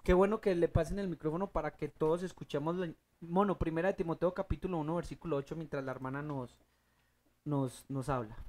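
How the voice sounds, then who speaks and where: A Bible teacher runs a study group at a brisk clip, his medium-pitched voice emphatic as he poses questions to the audience and answers them himself, breaking into loud, rising bursts.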